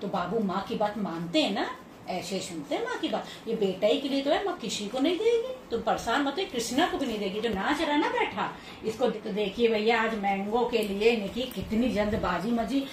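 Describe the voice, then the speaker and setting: A woman with a high voice chats to her pet dogs in coaxing baby talk, scolding them softly and laughing along the way. She is recorded at home. The room echoes, and she sits back from the mic with a faint hiss of noise behind her. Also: sing-song, normal speed, far from the mic. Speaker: pet owner vlogger. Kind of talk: casual vlog, talking to pets.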